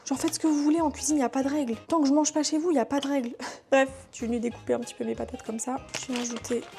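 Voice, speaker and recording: A woman's voice: high voice, fairly even intonation, rapid-fire, warm tone, soft background music. Chatty young woman cooking. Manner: chatty, teasing, talks to herself. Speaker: vlogger. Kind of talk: casual cooking vlog chat. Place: home kitchen.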